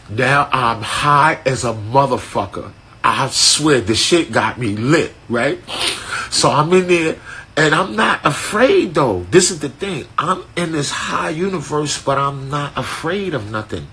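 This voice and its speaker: A man, telling a story in casual street slang on a live stream from his phone, animated and profane. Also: a little high, slightly rough. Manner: animated, profane, laid-back street slang with frequent "right?". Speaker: artist hosting a live stream.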